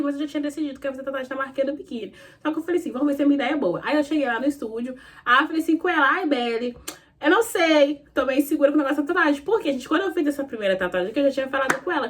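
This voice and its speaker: A young woman talks straight to the camera in a casual vlog and tells a long story in a rambling, chatty way. Her voice sits a little high and has a slight husky edge. She talks fast. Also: fairly bright tone. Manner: chatty, rambling, often says "gente" and "falei assim". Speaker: vlogger.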